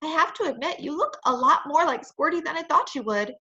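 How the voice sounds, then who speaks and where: A woman's voice: high-pitched, expressive, brisk, highs cut off, voice pushed up. A woman voicing a cheerful, patient mother talking to her little daughter in a storybook reading. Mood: amused. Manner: warm, fond, scolding at times.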